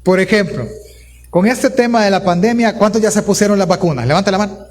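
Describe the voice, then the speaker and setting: High-voiced Salvadoran pastor preaching. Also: male voice, fast. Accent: Salvadoran Spanish. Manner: animated preaching, directly addresses the congregation as brothers. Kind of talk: sermon. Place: church service before a congregation.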